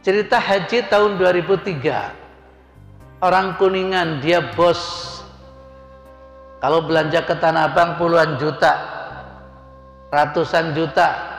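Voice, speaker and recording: Preaching as a hajj guide, a middle-aged man tells stories in a folksy, chatty sermon, playing the parts of the people he describes. His voice is high with vocal fry, recorded in an echoey hall where faint music plays.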